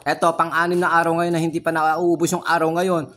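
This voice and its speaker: A man's voice: on the high side, completely flat delivery, a little fast, a bit bright, slight background noise. A young man with a Filipino accent, talking through his trading results in a casual vlog, frustrated, swearing often and repeating himself. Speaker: trading vlogger. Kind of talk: casual screen-share commentary.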